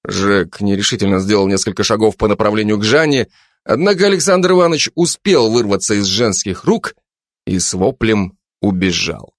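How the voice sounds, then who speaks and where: A man narrating an audiobook in an expressive reading voice. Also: fairly low pitch, normal speed, no room sound, studio quality. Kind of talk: scripted narration.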